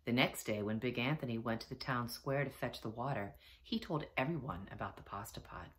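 A teacher reading a children's picture book aloud, with expressive storytelling. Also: female voice, rumbling low, a little fast. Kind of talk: children's read-aloud narration.

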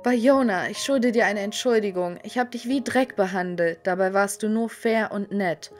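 A woman voicing a young woman in an animated story who speaks with intense, apologetic force. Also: mid-range voice, normal speed, faint music behind, close to an everyday voice. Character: sharp-tongued young woman, repentant.

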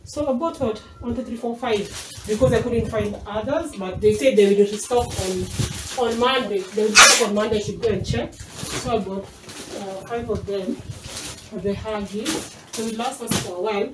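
A woman's voice: medium pitch, normal speed, distant mic. A Kenyan woman in her thirties chatting casually as she unpacks groceries in a small home kitchen, moving around away from the camera. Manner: chatty, unpacking items while talking, drifting from the camera. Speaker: mom vlogger. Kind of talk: casual grocery haul vlog. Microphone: camera mic from across the room. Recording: echoey kitchen, off-mic, noisy.

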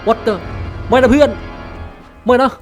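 A young man giving casual gameplay commentary, bursting into loud, swearing, excited yells. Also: extremely high pitch, normal speed, faint music behind. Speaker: gaming video host.

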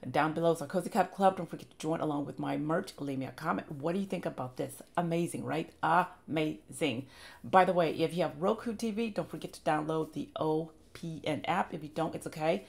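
A woman's voice: sits low, fast talker, gravelly, hardly any pauses, darkish tone. Enthusiastic woman with a fading voice. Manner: enthusiastic, gushing praise. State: losing her voice, clearing throat. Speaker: reaction video host. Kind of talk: casual reaction commentary.

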